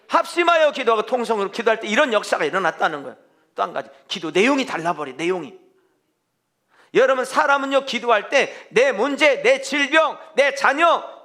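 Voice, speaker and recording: Male pastor, bright high voice, fervent sermon, swings up and down a lot. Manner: emphatic, fervent preaching with rhetorical questions to the congregation. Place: church.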